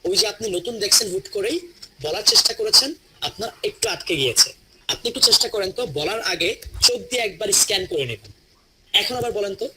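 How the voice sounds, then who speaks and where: Man teaching pronunciation over loud noise. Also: high-pitched, lively intonation. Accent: Bangladeshi Bengali. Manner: slow, drawn-out model phrases for repetition. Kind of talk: classroom lesson. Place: classroom.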